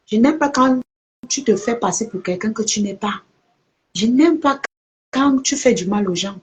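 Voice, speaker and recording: A woman, delivering a confrontational vlog rant to her followers and repeating her points for effect. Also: medium pitch. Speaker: social media personality. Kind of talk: live video rant to followers.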